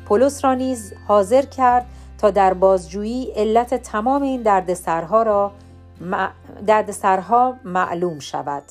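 A woman reading a Bible audiobook as narrator, calm and measured. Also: medium pitch, faint music behind. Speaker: Bible reader. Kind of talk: scripted scripture narration.

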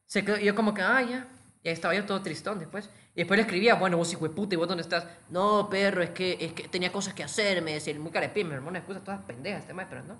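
A man's voice: high-pitched, very fast, fairly bright tone. A young man, joking in slangy banter as podcast co-host. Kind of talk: casual banter.

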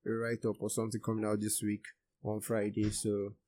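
A man's voice: lowish voice, monotone, brisk, mellow. A young man with a Nigerian Yoruba accent hosting a casual podcast. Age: young adult. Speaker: podcast host.

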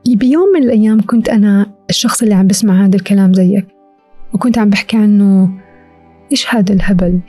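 A woman's voice: medium pitch, racing, warm tone, dry recording, soft background music. A woman with a Levantine Arabic accent hosting a reflective self-help podcast as a monologue, addressing the listener directly and instructively. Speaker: podcast host.

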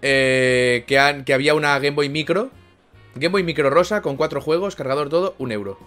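A man's voice: on the high side, moderate pace, fairly bright tone, soft background music. A man co-hosting a podcast, delivering profane, joking mock rants in casual chat. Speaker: podcast co-host.

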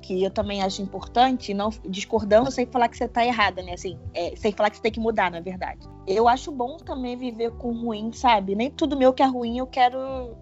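A woman in casual chat, frank and measured, trailing off softly at times. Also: a little high. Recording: dull lo-fi sound with faint music.

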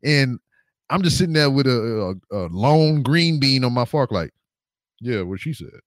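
A man's voice: medium pitch, expressive, moderate pace, dry recording, studio quality. A man guesting on a podcast, telling a story in a casual, slangy, profane way into a desk microphone on camera.

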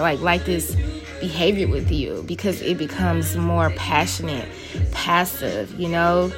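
Laid-back woman, low-ish voice, music under. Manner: loose and laughing, swears freely. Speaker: podcast host. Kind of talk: casual frank talk. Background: background music.

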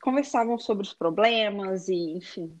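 A woman's voice: medium pitch, measured pace. Chatty Brazilian woman from Minas Gerais. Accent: Brazilian Portuguese, Minas Gerais. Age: 30s. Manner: chatty, hesitant with many fillers. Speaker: guest, digital influencer. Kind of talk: casual interview chat.

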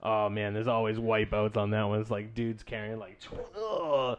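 A man's voice: fairly low pitch, monotone, a little fast, dull audio, a little hiss or hum. A man in casual podcast chat, rambling and swearing, often laughing.

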